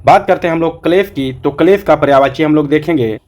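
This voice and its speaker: A man's voice: on the high side, fast talker, darkish tone. A man teaching a Hindi exam-prep class, repeating each answer back as a question to his students.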